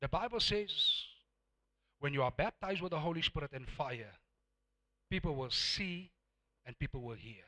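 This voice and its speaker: Preaching with a South African accent from his Afrikaans upbringing, this man sounds animated and fairly high-pitched, keeping a moderate pace broken by long pauses. He stresses his points through repetition and shifts between hushed and loud.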